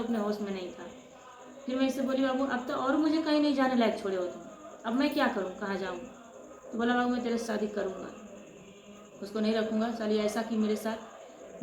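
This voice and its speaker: A woman vlogger tells her own story to viewers with passion, often calling them friends. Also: on the high side. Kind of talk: emotional personal storytelling to viewers. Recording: echoey room with loud ambient noise.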